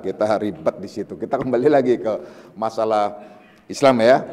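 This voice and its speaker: Guy teaching a religious class, high lively voice, lots of um, big echoey hall. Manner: animated, acts out mocking voices, many fillers. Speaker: Islamic teacher. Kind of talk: religious study lecture.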